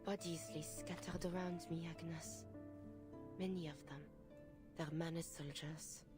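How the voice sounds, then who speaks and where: Low-voiced, grim woman soldier. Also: fairly even intonation. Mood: grim, uneasy. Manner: sombre, measured, hushed. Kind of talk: dramatic video game voice acting. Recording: game dialogue over music.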